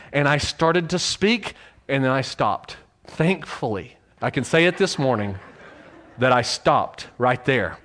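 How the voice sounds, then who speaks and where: A man's voice: on the high side, fairly bright tone. A pastor preaching in his church, telling a personal story in a candid, self-deprecating way, with frequent fillers and restarts.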